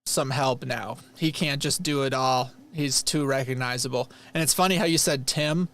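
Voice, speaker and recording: At a medium pitch and normal speed, a livestream host from Rochester, New York, chats casually in reaction to a replay. He is earnest and animated, and his talk rambles.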